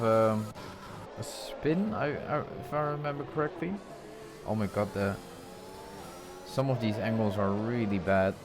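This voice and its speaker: A man's voice: medium pitch, noisy background. A man giving conversational live motorsport commentary on a sim race, often hesitating as he thinks aloud.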